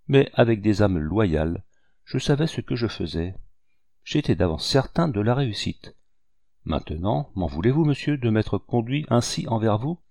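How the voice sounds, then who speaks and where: A man reading the part of a shrewd, good-natured old hunter in an audiobook, speaking with calm assurance. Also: on the low side, gravelly, no echo, clean studio sound.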